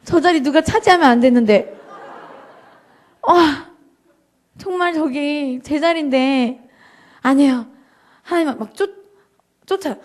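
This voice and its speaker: A woman giving an emotional, animated church testimony to a congregation, acting out her prayers and joking with the audience. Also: high voice, measured pace, long pauses. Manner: addresses the audience directly and jokingly. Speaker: guest speaker giving a personal testimony.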